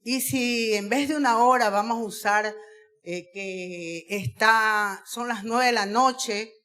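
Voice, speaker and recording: Slow, deliberate woman speaker. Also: on the high side, bright, forceful tone. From Ecuador. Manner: deliberate, stretches key words, asks the audience questions. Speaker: guest speaker on Spanish usage. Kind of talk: school auditorium talk to students. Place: school auditorium.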